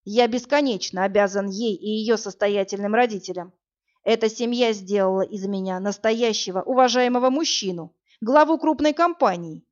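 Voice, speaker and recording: A woman voicing a cold, pragmatic wealthy married businessman in an audiobook, speaking in a dry, calm, lecturing way. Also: mid-range voice, moderate pace, natural voice. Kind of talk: audiobook character reading. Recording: dull lo-fi audio with faint music.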